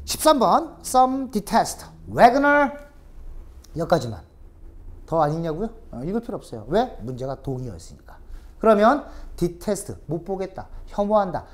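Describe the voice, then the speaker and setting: Lecturer, female: lively online vocabulary teacher, lower voice that swings widely in pitch, keeps asking the class questions. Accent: Korean. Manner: lively, animated teaching with rhetorical questions and repetition.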